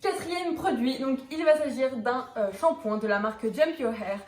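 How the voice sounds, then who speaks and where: A woman's voice: sits high, normal speed, echoey room, faint music behind. A young woman chatting through a casual product review vlog, filling her talk with small hesitations and restarts. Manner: chatty, many fillers and restarts. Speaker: equestrian vlogger.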